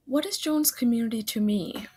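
A school counselor from Singapore introduces herself over a slideshow, talking in a friendly, conversational way, recorded on a laptop webcam at home. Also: female voice, on the high side, moderate pace, dark tone, breathy edge. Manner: friendly, conversational with occasional fillers. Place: home room, webcam in corner of screen share.

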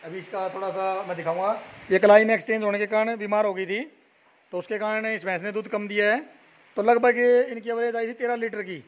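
A young man from Haryana, India, touring a buffalo shed at night and chatting as a dairy vlogger. He repeats numbers and names back and fills pauses with "a". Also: sits high, steady tone. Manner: repeats figures and names back, many "a" fillers. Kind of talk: casual walk-around video with interview.

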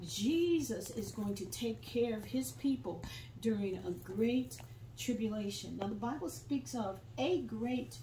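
Recorded from far back in the pews on a phone camera, an older guest preacher gives a fervent sermon at a small church's pulpit, quoting scripture and bursting into song. Her voice is on the high side, warm and animated, yet unhurried. The room echoes, and there is slight background noise.

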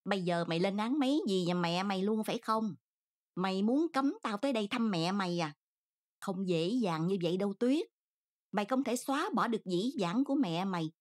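A woman's voice: mid-range voice, animated, a little fast, natural voice. A woman reading an audiobook, voicing an older aunt who scolds harshly and reproachfully. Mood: scolding.

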